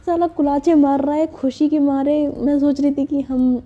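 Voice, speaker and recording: A woman's voice: high voice, level tone, moderate pace, mellow, highs cut off, natural voice. A woman voicing a young woman in love who keeps pleading and whining for affection, read in a storytelling voice. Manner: wheedling, whiny, then sulky. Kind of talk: storytelling in character voice.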